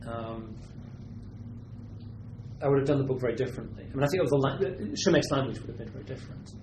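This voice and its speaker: At a university seminar, a man from Britain who translates literature responds to questions haltingly and thoughtfully, often starting over. He speaks at a medium pitch, and the sound is roomy with a noisy background.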